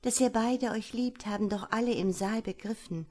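A woman voicing a bold young princess who teases and mocks in a brisk, lively voice. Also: on the high side, close to an everyday voice. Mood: teasing. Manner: teasing, mocking.

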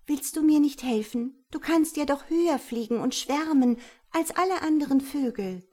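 A woman voicing a gentle, earnest holy child who pleads sweetly for help. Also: high-pitched, animated, normal speed, voice pushed up. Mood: pleading.

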